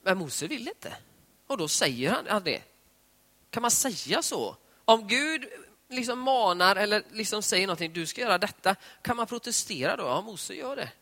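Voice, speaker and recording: A man giving a conversational devotional talk on prayer, retelling scripture scenes in lively voiced dialogue. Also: high-pitched. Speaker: preacher. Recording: long hall reverb.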